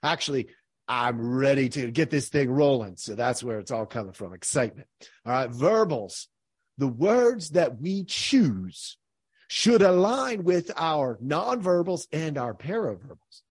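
A man hosting his podcast, explaining points in an energetic, emphatic, teacherly way. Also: mid-range voice, unhurried, husky, dry recording, clean studio sound. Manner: energetic, emphatic, teacherly, frequent "all right". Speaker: podcast host.

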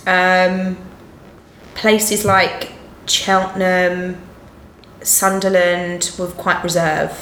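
A woman's voice: on the low side, level tone, drawn-out words, long pauses, a bit bright. Essex woman, stage performer, chatty and giggly, roomy echo with faint hiss. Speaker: musical theatre performer. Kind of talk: casual interview chat.

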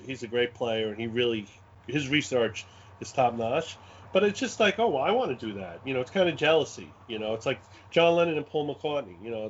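A man with a Brooklyn accent chatting casually in an animated, rambling way, often repeating his phrases. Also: mid-range voice. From Brooklyn, New York. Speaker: guest, game scenario designer. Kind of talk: casual chat, anecdotes. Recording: dull lo-fi audio.

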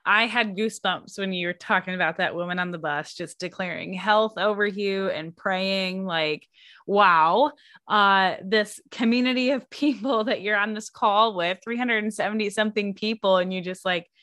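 Bright, gushing woman host. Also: medium pitch, moderate pace, no room sound, clean studio sound. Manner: enthusiastic, gushing. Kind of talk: casual chat.

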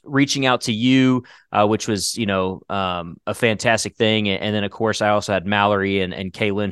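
Low-voiced man hosting a podcast, rambling. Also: a bit bright, clear, resonant tone, no echo, studio quality. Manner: rambling, lots of fillers and restarts. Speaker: podcast host and writer. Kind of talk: casual chat.

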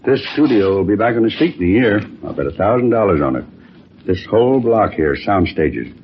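An actor playing a washed-up older movie producer in a vintage crime drama, boastful and evasive in a forced casual manner. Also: male voice, lowish voice, big pitch swings, fairly quick. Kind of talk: 1950s crime drama acting. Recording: muffled vintage radio recording with noise.

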